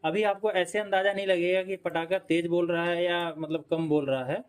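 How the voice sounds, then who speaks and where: A man's voice: high voice, fairly even intonation, brisk, smooth. A man teaching electrical repair step by step, explaining and checking in often while he demonstrates with tools. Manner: explanatory, repeats points, frequent "ठीक है" check-ins. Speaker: electrician instructor. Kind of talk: hands-on repair tutorial.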